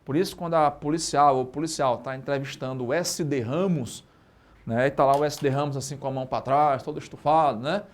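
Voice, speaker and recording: A man with a Brazilian Portuguese accent teaching a live online exam-prep lesson, lively and constantly checking in with tag questions. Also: mid-range voice, a little fast. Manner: lively, asks and answers own questions, frequent tag questions.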